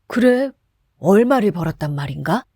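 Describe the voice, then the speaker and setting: A woman's voice: fairly low pitch, lively intonation, normal speed, mellow, no echo, clean studio sound. A woman voicing a cautious middle-aged man who fusses over his drunk friend. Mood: worried. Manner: warning, fussing.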